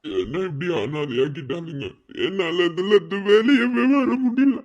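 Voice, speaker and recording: A man with a Madurai Tamil accent voicing a heartbroken young man in a cartoon. He laments slowly, in a wailing, self-pitying way. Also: a little high, lively intonation, a little mellow, highs cut off, soft background music. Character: heartbroken young man drinking away his sorrow. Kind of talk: cartoon voice acting.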